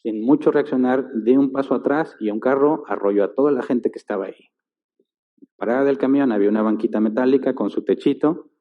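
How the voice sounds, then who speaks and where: A man's voice: medium pitch, fairly quick. A male pastor, telling a story in a sermon and acting out the sounds and voices in it. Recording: tinny sound in a reverberant church hall.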